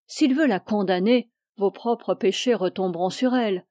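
A woman's voice: medium pitch, moderate pace, dark tone, no room sound, clean studio sound, lightly acted. A woman voicing a stern old mentor. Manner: stern, reproving. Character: stern older male spiritual mentor, severe.

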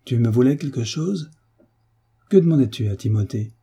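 Smug rich master teasing a girl read by a man, dark husky voice. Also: medium pitch, expressive, moderate pace. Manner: smiling, teasing, condescending. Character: smug landowner master, mocking and commanding.

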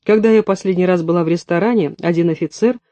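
A man reading a novel aloud in steady scripted narration. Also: sits high, fast, no room sound. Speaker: audiobook reader.

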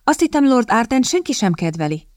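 A woman reading the part of a bold, sharp-witted young English lady who answers politely but cuttingly. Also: on the high side, big pitch swings, no room sound, studio quality, pitched above the performer's own voice.

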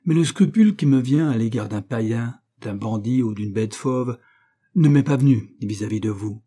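A man's voice: mid-range voice, normal speed, dark tone, slightly rough, lightly acted. A man voicing a proud, righteous nobleman and sea captain who speaks with stern, declamatory force. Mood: indignant.

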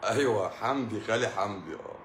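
A middle-aged Egyptian man hosts a live stream as a doctor, talking to his viewers in a rapid, casual flow. His voice sits low, and he keeps breaking into laughter as he tells stories. The sound carries a roomy echo. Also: a bit bright, a little hiss or hum. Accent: Egyptian Arabic. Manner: joking storyteller, laughs often.

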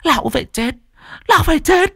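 A man's voice: animated, fairly quick, creaky, pushed and bright, dry recording, clean studio sound, exaggerated voice. A man voicing an enraged grieving village woman who screams her accusations. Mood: furious. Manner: shrill, screaming.

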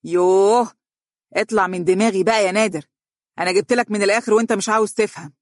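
Audiobook: scornful Egyptian boss lady, male reader, raised pitch, quick. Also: steady tone, dry recording, clean studio sound, lightly acted. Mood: domineering. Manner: sharp, scornful, domineering. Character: bossy, haughty businesswoman, adult. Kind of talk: audiobook character reading.

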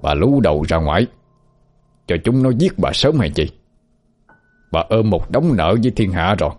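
A man voicing a gruff, irritable older village husband who scolds curtly. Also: low voice, big pitch swings, moderate pace, darkish tone, faint music behind. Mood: angry. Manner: curt, scolding.

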